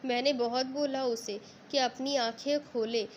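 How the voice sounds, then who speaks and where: A woman's voice: sits high, fairly even intonation, measured pace, slight background noise. A woman reading a storybook, voicing a young woman who sobs and pleads in wild grief. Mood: grief-stricken. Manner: sobbing, pleading, breathless. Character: young woman grieving wildly, delirious.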